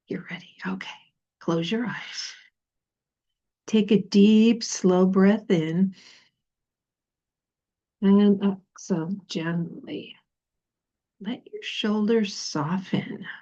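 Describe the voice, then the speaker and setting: A woman guides a meditation at a very slow pace. Her tone is soft-edged and mellow, gentle and soothing, with pauses between phrases. The recording sounds slightly dull and lo-fi. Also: medium pitch.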